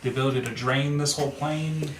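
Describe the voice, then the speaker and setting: A man with a medium-pitched voice chats as a tabletop game player. His phrasing is casual and hesitant. The room is echoey and clearly noisy. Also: steady tone, fast. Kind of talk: casual chat.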